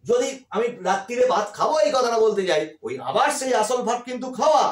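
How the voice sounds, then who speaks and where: A high, lively male voice, teaching grammar and firing questions at his students before he answers them. He was recorded from a distance in an echoey room, so the sound is roomy and thin. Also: fast. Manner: animated, asks the class questions and answers them himself. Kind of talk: classroom lecture in Bengali.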